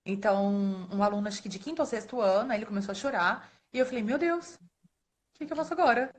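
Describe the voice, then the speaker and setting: A woman in her thirties from Brazil, a librarian telling stories in a relaxed way, laughing often and acting out the voices of the people in them. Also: on the high side, fast. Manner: animated, laughs often, acts out quoted voices. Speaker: guest speaker, librarian. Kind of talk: casual storytelling in a live talk. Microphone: phone or webcam on a live stream.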